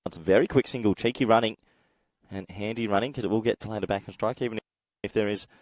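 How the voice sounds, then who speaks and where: A man from Australia doing solo live cricket commentary with a slightly croaky voice from a head cold, chatty and reading viewer comments as he goes. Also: on the low side, fast, no echo.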